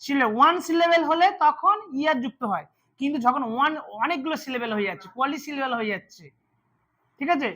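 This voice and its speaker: A man's voice: very high voice, fast talker, pushed and bright. A man teaching English grammar to a class, repeating words and quizzing his students as he goes. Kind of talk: classroom lesson.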